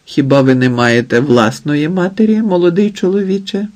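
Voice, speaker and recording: A man voicing a stern elderly mother-in-law who speaks calmly and with restraint, in a storybook reading. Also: a little high, voice pushed up, close to an everyday voice. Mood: cool, composed. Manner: calm, measured, restrained.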